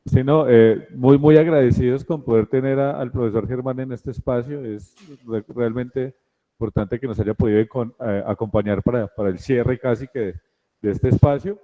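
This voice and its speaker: A man's voice: medium pitch, fairly even intonation, moderate pace. A man leading a class, thanking a guest speaker with many fillers and a joking aside. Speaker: course instructor. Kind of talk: class wrap-up. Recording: tinny phone-like line.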